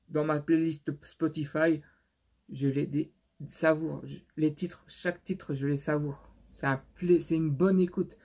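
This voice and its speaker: Young male vlogger, non-native French accent, slow and halting, fairly high voice. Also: darkish tone. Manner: halting and unsure, many fillers and restarts. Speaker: YouTuber showing his CD collection. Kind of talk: casual vlog commentary.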